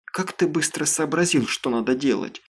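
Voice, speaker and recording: A man's voice: on the high side, normal speed, husky. A man voicing an anxious teenage girl. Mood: urgent.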